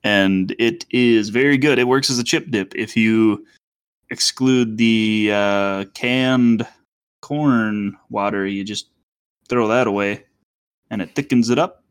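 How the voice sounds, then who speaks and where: A man's voice: fairly low pitch, takes it slowly, smooth. Rambling man in casual podcast chat. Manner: rambling, hesitant with many fillers. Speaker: podcast co-host.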